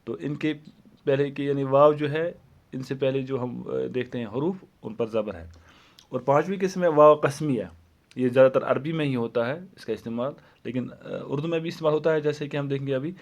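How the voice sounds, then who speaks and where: A man gives a grammar lesson at an even, middling pitch. He talks slowly and deliberately, saying each example word twice so it sinks in. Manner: slow, deliberate, repeats example words. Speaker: Urdu teacher.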